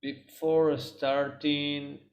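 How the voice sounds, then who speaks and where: A man's voice: a little high, flat delivery, extremely slow, low-quality recording. A man from Argentina, a native Spanish speaker with an Argentine Spanish accent, giving a webinar presentation over a video call and often hesitating with ums and restarts.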